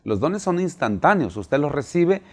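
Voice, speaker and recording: A man's voice: a little high, big pitch swings, normal speed. A man teaching a recorded Bible class, earnest and emphatic, repeating words when he presses a point.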